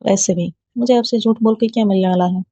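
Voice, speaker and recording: Touchy proud college girl, read by a woman, defensive, husky dull-sounding read. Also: mid-range voice, steady tone, dark tone, no room sound, close to an everyday voice. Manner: defensive, quick to bristle. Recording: dull lo-fi dry recording.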